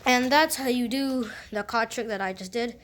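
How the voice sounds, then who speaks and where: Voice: medium pitch, moderate pace, a bit bright. Casual card magician patter, female-sounding tutorial voice. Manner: casual, repeats and rephrases instructions. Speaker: host of a card trick tutorial channel.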